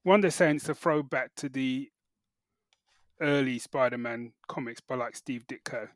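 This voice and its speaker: A podcast co-host gives casual, opinionated reviews in colloquial speech, scattering "you know" and "like" throughout. His mid-range voice moves a little slowly. The recording is dry and clean, with studio sound.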